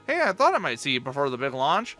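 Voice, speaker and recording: A playful alien flight coach from a space game, teasing a nervous pilot before launch, as a man puts him on while reading the dialogue aloud. The voice sits a little higher than usual and rings bright and forceful. Faint game music plays underneath. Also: huge pitch swings, fast, full character voice.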